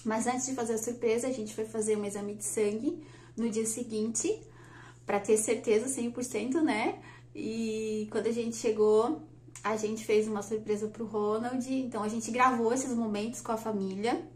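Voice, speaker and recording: A woman, telling a personal story on her vlog in a chatty, lively way and laughing often. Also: on the high side, moderate pace. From Brazil. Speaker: vlogger. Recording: echoey room.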